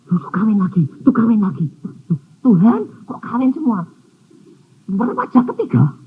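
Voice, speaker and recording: A man preaching a storytelling sermon, acting out conversations with sudden high squeals and low murmurs. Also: huge pitch swings, normal speed. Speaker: evangelist preacher. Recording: muffled phone-like sound with faint noise.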